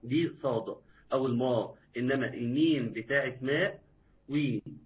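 Egyptian-accented male recitation teacher, live online class, patient and repetitive, quizzes viewers, tinny phone-like sound, mid-pitched voice. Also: brisk. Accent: Egyptian Arabic.

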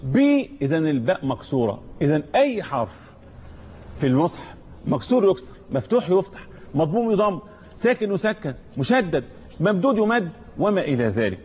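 A man with an Egyptian Arabic accent leads a tajweed lesson, breaking words down letter by letter and chanting each verse slowly for students to repeat. His voice sits fairly high for a man. The recording is dull and lo-fi. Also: sing-song, darkish tone, slightly rough. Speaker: Quran recitation teacher.

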